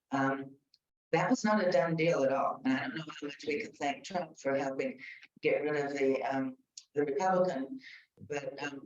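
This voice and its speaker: A woman's voice: low voice, darkish tone. A woman giving chatty, informative remarks at a community group meeting, with frequent fillers. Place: meeting room. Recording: roomy, distant, dull room mic.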